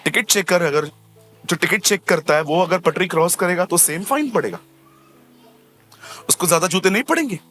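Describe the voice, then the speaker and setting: Male pastor, high and bright-voiced, animated sermon delivery with playful acted-out asides and hammered repetitions; faint music underneath. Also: moderate pace, long pauses. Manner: animated, acts out little scenes with humor; repeats phrases for emphasis.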